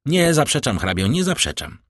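A man's voice: fairly low pitch, sing-song, moderate pace, no room sound, clean studio sound. A man reading the part of an earnest, lovestruck young army captain. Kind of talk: audiobook character reading.

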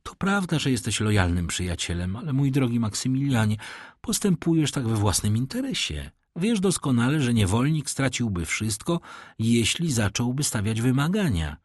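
A man voicing a gentle, sorrowful young woman in love, reading her lines aloud from a novel in a plaintive way. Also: medium pitch, big pitch swings, moderate pace, no room sound, clean studio sound. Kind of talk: audiobook reading.

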